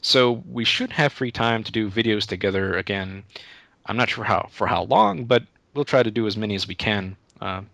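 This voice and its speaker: A man's voice: lowish voice, moderate pace, vocal fry, sharp tone, dry recording. A young man answering interview questions in a casual, rambling way, often restarting his sentences. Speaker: YouTube Let's Play creator, interview guest.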